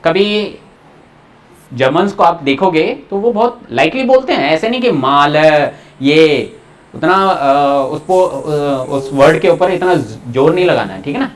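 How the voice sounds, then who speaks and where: A man's voice: fairly high pitch, lively intonation. A man teaching German pronunciation to a class in a Hindi-English mix, repeating each word for students to echo. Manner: repeats words slowly for students to echo, coaxing.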